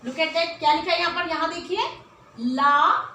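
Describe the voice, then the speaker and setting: A woman teaching a children's Hindi lesson, patiently explaining and stretching syllables slowly when she sounds out words. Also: very high voice, a bit bright, echoey room, a little hiss or hum. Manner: patient explaining, frequent rhetorical questions.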